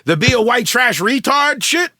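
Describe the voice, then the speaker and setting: A man hosting a casual podcast chat, animated and profane, often breaking into laughter. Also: very high voice, normal speed, no echo, clean studio sound. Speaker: podcast host.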